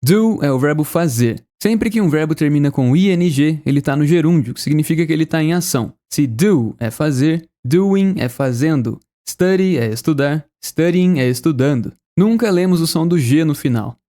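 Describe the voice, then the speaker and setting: An upbeat Brazilian man teaches a casual online English lesson. He explains step by step and repeats phrases for practice. His voice sits a little high, with a mellow, dark tone. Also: expressive, normal speed, hardly any pauses. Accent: Brazilian Portuguese.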